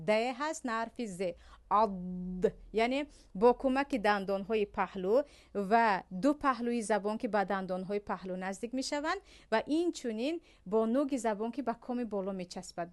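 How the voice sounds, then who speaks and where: A woman with a Tajik accent teaching a Quran recitation lesson, explaining patiently and slowly drawing out sounds as she demonstrates them. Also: fairly high pitch. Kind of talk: religious lesson.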